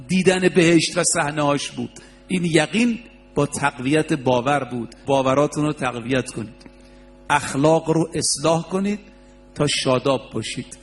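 A man preaching a religious sermon, telling stories with quoted dialogue and rising emphasis. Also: on the high side.

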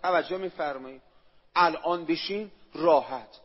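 A man preaching a sermon, emphatic and repetitive, asking the listeners rhetorical questions and reciting Arabic phrases. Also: a little high. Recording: echoey hall, dull lo-fi sound.

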